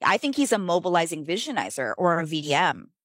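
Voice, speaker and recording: Brief: middle-aged American businesswoman, low voice, animated and chatty, dry close sound. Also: a little fast, dry recording. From United States. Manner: animated, filler-heavy, emphatic pitch jumps. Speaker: guest, business author. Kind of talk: casual conversational interview.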